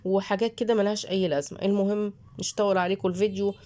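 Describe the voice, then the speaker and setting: Fast-talking Egyptian woman vlogger. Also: medium pitch, flat delivery, mellow. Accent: Egyptian Arabic. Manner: chatty, addresses viewers directly while unwrapping. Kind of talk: casual product review vlog.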